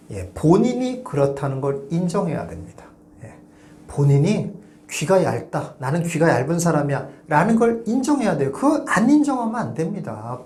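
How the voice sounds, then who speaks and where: A man hosts a real estate channel and talks straight to his viewers. He speaks emphatically, with a lively pitch that climbs and drops, and keeps coming back to short, blunt refusals. The room is echoey, with a faint hum underneath. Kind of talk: advice monologue to viewers.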